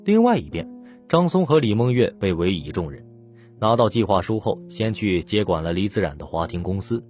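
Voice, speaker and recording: A male audiobook narrator with a low voice that moves expressively across its range. He tells the story steadily, with faint music behind him. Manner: steady storytelling, voicing the lead plainly.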